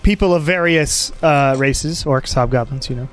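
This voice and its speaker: A man's voice: mid-range voice, normal speed, soft background music. A man running a tabletop fantasy game as game master, narrating casually and calling out rulings.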